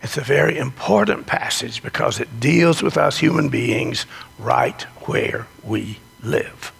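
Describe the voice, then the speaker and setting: A man preaching as a pastor in a strangled, choked-up, congested voice, hoarse from a sinus infection, with a deliberate, folksy delivery. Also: mid-range voice, fairly bright tone. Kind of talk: sermon, children's talk and scripture reading. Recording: long echo of a large hall.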